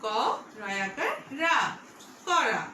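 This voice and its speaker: A woman with a Bangladeshi accent, teaching young pupils an English word online. She talks slowly, stretches her words and repeats them to coax the class along. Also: on the high side, very animated, bright, forceful tone, roomy sound, distant mic, a little hiss or hum, low-quality recording. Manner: slow, drawn-out and repetitive, coaxing young pupils. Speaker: primary school teacher. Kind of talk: online English vocabulary lesson.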